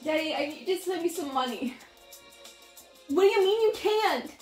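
A woman's voice: very high-pitched, animated, normal speed. A young woman playing a spoiled, whiny rich girl who leans on her father's money, in a comedy skit. Her voice is heard from a distance in an echoey room, with music behind. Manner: whiny and self-absorbed. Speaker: college roommate in a comedy skit.

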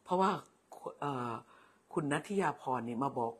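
A woman's voice: low voice, expressive, moderate pace, slightly rough. An older woman hosting a casual livestream, chatting in a motherly way, calling viewers "child" and thanking them by name. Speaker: livestream host.

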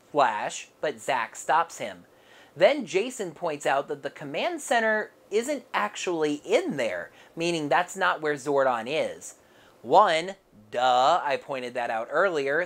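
A woman narrating a casual comic book review with wry, sarcastic asides. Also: low-pitched.

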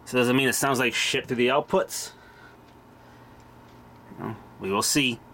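This man speaks in a mid-range voice with a sharp tone and measured pace, tossing out blunt, salty remarks while repairing a vintage machine as a hobby. Noisy amateur camera sound and a mechanical hum fill the recording.

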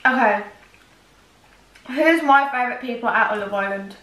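A woman's voice: on the high side, normal speed, fairly bright tone. A young woman co-hosting a casual eating vlog, chatting in a rambling way full of fillers. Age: young adult. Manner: rambling, filler-heavy, giggly. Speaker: vlog co-host. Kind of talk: casual chat. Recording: echoey room, distant mic.

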